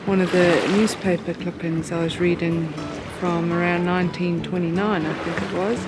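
A woman's voice: lowish voice, little pitch movement, normal speed, loud music behind the voice, low-quality recording. A woman talking casually while sailing, rambling with frequent fillers and restarts. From New Zealand. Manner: rambling, hesitant with many fillers. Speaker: sailing vlogger. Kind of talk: casual off-camera commentary. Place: outdoors on a sailboat.

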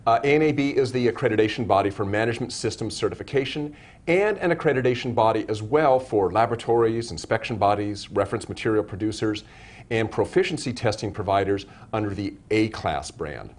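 A man's voice: lowish voice, expressive, fairly quick. A man hosting a live web broadcast interview, asking long, rambling questions full of restarts and self-corrections. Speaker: show host.

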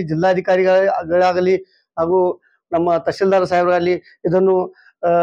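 A middle-aged man, a local resident, making a halting appeal at a press conference with frequent fillers and restarts. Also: sits high, darkish tone, dry recording, dull audio. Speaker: local resident voicing a complaint. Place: small indoor room, seated among a group.

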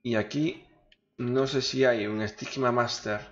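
A man's voice: mid-range voice, steady tone, slow pace. A man with an accent from Spain giving casual, coarse, informal gameplay commentary, muttering to himself as he goes. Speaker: gaming video host. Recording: echoey, dull microphone, faint music. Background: faint game music.

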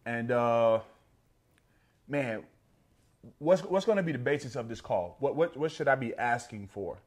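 A man's voice: mid-range voice, expressive, unhurried. A man from Texas with a Texan accent, hosting a podcast in casual, slangy banter. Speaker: podcast host. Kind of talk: casual chat.

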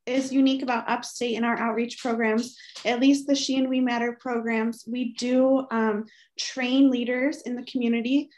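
Young woman, high even voice. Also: poor audio. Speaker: outreach program panelist. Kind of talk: panel discussion on a video call.

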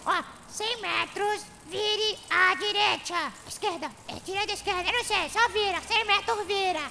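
A woman dubbing funny animal clips in a playful, excitable way. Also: extremely high pitch, moderate pace, gravelly, noisy background. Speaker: comedy dubber. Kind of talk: comic dub of animal clips.

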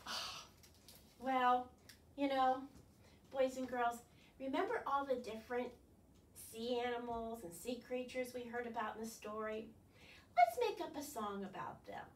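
This storytime librarian, in her sixties, speaks with a fairly high pitch at a measured pace, pausing often. She draws the young children in with coaxing questions and exaggerated wonder. The sound is roomy and faintly noisy, taken from a distant camera mic.

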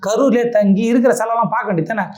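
A woman's voice: a little high, rapid-fire, a little mellow. A woman delivering an angry, indignant political rant full of rhetorical questions.

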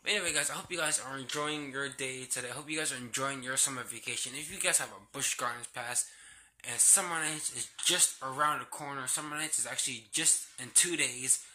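A young man with a brisk, sharp, mid-range voice talks casually to his vlog audience from a small bedroom, hesitant and rambling in a subdued way. He's a theme park ride worker, unwell with a sore throat and a cold sore on his lip. It's a handheld home recording with faint noise, from a phone or laptop at arm's length.

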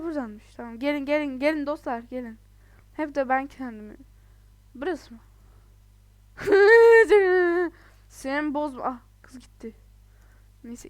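A woman giving chatty, casual commentary while playing a video game, excitable, laughing often and exclaiming in frustration. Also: high voice, no room sound. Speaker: let's play gamer.

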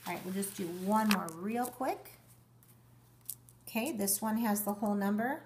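A woman's voice: medium pitch, moderate pace, noisy background. A woman giving an instructional demonstration for young children as a primary school teacher, explaining in simple steps with guiding questions.

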